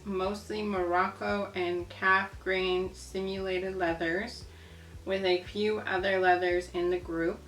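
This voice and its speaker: In a bright, forceful, mid-range voice, a woman hosting a casual video marvels at old newspapers while reading them aloud and chatting. Faint music plays behind her in a space with roomy echo.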